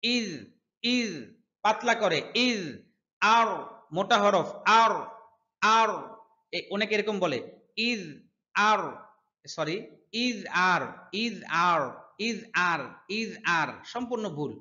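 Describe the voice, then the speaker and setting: A man teaching Quran recitation online, correcting pronunciation and stretching the recited words out slowly. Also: sits high, sharp tone, roomy sound. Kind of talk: online tajweed lesson, reciting and explaining. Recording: dull lo-fi recording.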